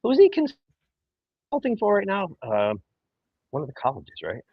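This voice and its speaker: A man's voice: sits high, wildly swooping pitch, measured pace, creaky, husky, no room sound, highs cut off. A tired man in a hotel room, rambling through casual sports chat with a bag over his head. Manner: rambling, many fillers and restarts. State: tired, early morning. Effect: talking with a bag over his head. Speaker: podcast co-host.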